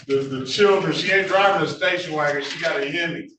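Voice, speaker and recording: Guy judge on a courtroom recording, mic way off, lots of hiss, stumbles and repeats words. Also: on the high side. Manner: halting, repeats words, folksy asides. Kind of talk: presiding over virtual traffic court hearings. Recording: echoey room, distant mic, noisy.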